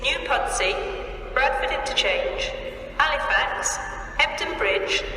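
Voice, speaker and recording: A woman giving automated railway station announcements over a public address loudspeaker in measured, evenly spaced phrases. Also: sits high, expressive, a little hiss or hum. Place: large railway station concourse. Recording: echoey station hall from far off.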